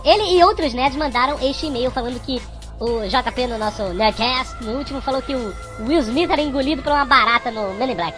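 A man co-hosting a podcast with his voice sped up like fast-forwarded tape, sounding like a chipmunk as he wryly reads listener emails. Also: extremely high pitch, a bit bright. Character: squeaky sped-up chipmunk male host.

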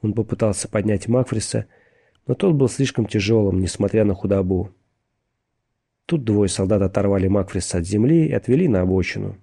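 Male audiobook narrator, low and gravelly, dark tone, measured steady reading of a thriller.

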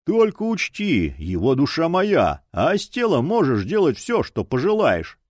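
A man's voice: a little high, huge pitch swings, measured pace, dry recording, voice pushed up, full character voice. A man voicing a smug adult male cult leader who gives orders and mocks others in an audiobook. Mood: mocking. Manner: mocking, smug.

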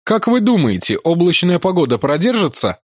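A haunted, grief-stricken explorer, put on by a male reader in a storybook reading. His voice rides noticeably higher than the narration and swings from urgent pleading to numb flatness. The sound is dry and close. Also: moderate pace, slightly rough, dry recording, heavily acted. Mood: eager.

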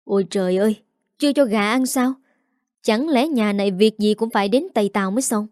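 A woman's voice: mid-range voice, a little fast, darkish tone, dry recording, studio quality, close to an everyday voice. A woman voicing a bossy, nagging older rural mother-in-law. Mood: scolding.

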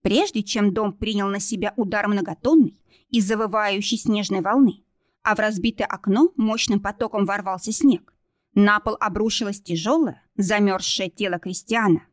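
A woman's voice: mid-range voice, moderate pace, dry recording, studio quality. A woman reading a novel aloud as narrator, in a tense, dramatic storytelling manner. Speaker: audiobook narrator.

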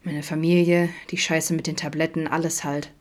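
Woman doing a quiet, worn-down dad in a storybook, low soft voice. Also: flat delivery, normal speed, close to an everyday voice. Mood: subdued. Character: middle-aged father, shy, troubled, self-critical.

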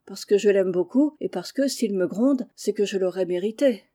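A woman voicing a kind, modest young girl with a gentle manner. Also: medium pitch, normal speed, lightly acted.

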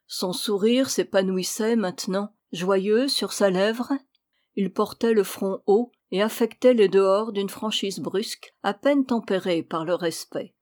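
A woman reading a classic adventure novel aloud as an audiobook, measured and clear. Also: medium pitch, a little mellow. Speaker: audiobook reader.

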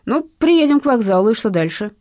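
A woman's voice: fairly high pitch, very animated, a little fast, darkish tone, dry recording, clean studio sound, voice pushed up. A woman voicing a boorish, self-assured male gang boss who talks with mocking contempt, in an audiobook. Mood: scornful.

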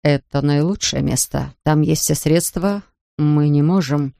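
A narrator voicing a hospital doctor who speaks in a measured, matter-of-fact way. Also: medium pitch, creaky, warm tone, no room sound, studio quality, voice pushed down. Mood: calm.

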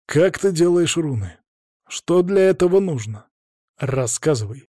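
A man voicing a calm, menacing masked cult leader who speaks coldly and dryly. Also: fairly high pitch, no room sound, voice pushed up. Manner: dry, cold, unhurried.

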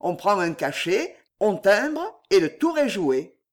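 Audiobook figure: an agitated noble prison governor, lively and high-pitched, as read by a man. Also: takes it slowly, heavily acted. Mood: suspicious. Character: suspicious, then fearful male fortress governor.

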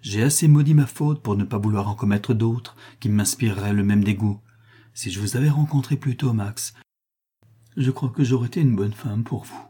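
A man's voice: lowish voice, normal speed, mellow, breathy edge. A man reading aloud, voicing a proud, passionate young woman in an impassioned, raised voice. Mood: vehement.

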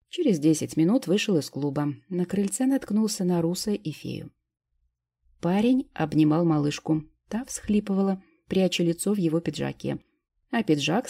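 A woman reading first-person fiction aloud as a steady, measured audiobook narrator. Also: on the low side, gravelly, slightly rough.

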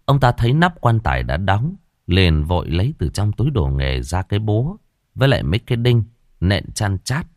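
A man narrating an audio story in an expressive storytelling manner. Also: lowish voice, brisk, no room sound, clean studio sound.

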